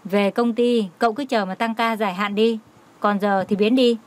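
A man's voice: sits high, fairly even intonation, moderate pace, close to an everyday voice. A woman voicing a stern young male boss who gives short, commanding orders. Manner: curt, commanding.

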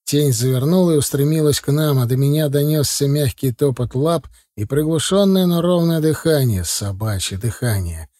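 A man narrating a first-person audiobook with steady, even storytelling. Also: fairly high pitch, normal speed, few pauses, dry recording, clean studio sound.

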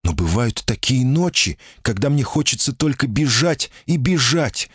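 A man's voice: mid-range voice, very animated, unhurried, breathy edge, no room sound, clean studio sound, voice pushed up. A man voicing a timid, guarded female golem in human shape, anxious and pleading, in an audiobook reading. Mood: distraught. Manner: anxious, pleading, often cries out.

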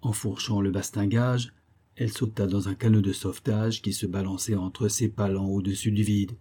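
A man narrating a novel as an audiobook, in a measured literary storytelling manner. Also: fairly low pitch, level tone, mellow, breathy edge.

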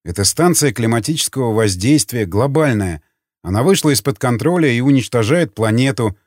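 A man's voice: medium pitch, expressive, brisk, dry recording, clean studio sound, lightly acted. A man as a terse, guarded male prisoner. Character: determined young male prisoner under interrogation.

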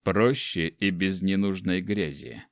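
A man playing a cold, scornful ancient dark mage who speaks slowly and mockingly in an audiobook. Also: deep voice, no room sound, clean studio sound. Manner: slow, mocking, detached. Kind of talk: audiobook character voice.

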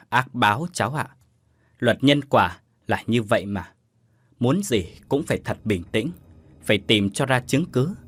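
A man voicing a sorrowful, calm older woman in a storybook ghost tale, speaking slowly and solemnly. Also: mid-range voice, breathy edge, exaggerated voice. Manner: slow, solemn, measured.

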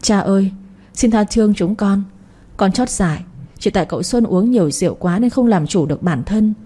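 A woman's voice: mid-range voice, fairly quick, mellow, breathy edge, lightly acted. Woman voicing a tearful pleading young noblewoman.

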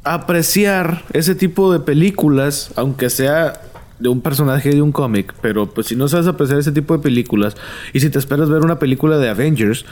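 A man with a Mexican accent in casual chat, telling stories in a slangy, animated way and acting out what people said. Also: a little high, a little fast.

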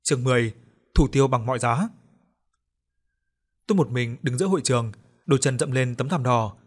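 A man narrating a story in an audiobook, with expressive storytelling. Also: medium pitch, a little fast. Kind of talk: scripted narration.

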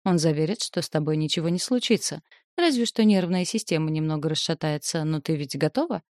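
A woman's voice: low voice, a little fast, a little mellow, no room sound, studio quality, close to an everyday voice. A woman reading the lines of a cocky, self-satisfied young male student who drawls out his teasing. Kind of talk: audiobook character voice.

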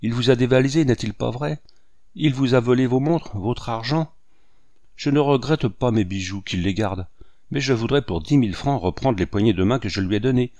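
A man's voice: mid-range voice, a little mellow, no room sound, lightly acted. A man reading as an indignant Englishwoman, Madame Simon. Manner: scolding, rapid reproachful questions. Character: haughty indignant Englishwoman, middle-aged mother. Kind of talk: audiobook character reading.

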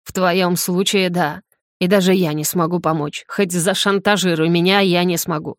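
A woman's voice: fairly low pitch, steady tone, moderate pace, no room sound, studio quality, close to an everyday voice. A woman doing a stern, scolding rector. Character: hungover irritable male academy rector.

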